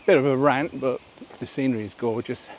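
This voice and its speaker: A man's voice: medium pitch, steady tone, fairly quick, a little mellow, a little hiss or hum. A man narrating a walking vlog outdoors on a rural nature trail, chatty and rambling, asking viewers questions as he goes. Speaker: vlogger.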